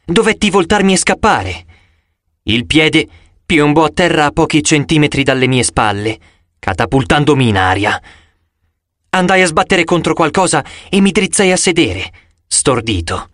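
A man's voice: a little high, no room sound. Male audiobook reader, dramatic delivery, dry close sound. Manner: dramatic, expressive reading with sudden loud cries. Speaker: audiobook narrator. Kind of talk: scripted audiobook narration.

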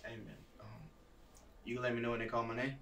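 A young man playing a nervous, easygoing brother, talking in a low-key, hesitant way. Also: monotone, fairly quick, fairly bright tone, close to an everyday voice. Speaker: actor in an indie drama. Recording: echoey room, far from mic, faint noise.

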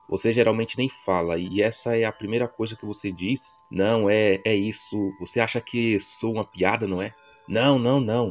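A man's voice: sits low, dull audio. A man in his twenties from Brazil with a São Paulo accent, reading a story game aloud and making casual, slangy asides to viewers. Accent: São Paulo Portuguese. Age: 20s. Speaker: gameplay narrator.

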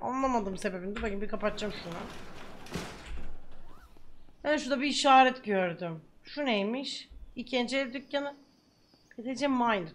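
A young woman commentating while she plays a game, chatting to herself and breaking into loud swearing shouts. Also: a little high, lively intonation, quick pace. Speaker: gaming streamer.

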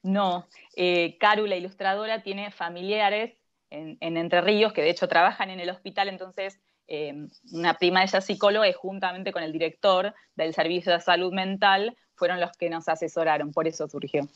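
A middle-aged woman with an Argentine accent, speaking as an author in a remote interview, earnest and measured with frequent pauses. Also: fairly low pitch, fairly even intonation. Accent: Argentine Spanish. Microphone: earphone headset on a video call. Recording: dull lo-fi video call audio.

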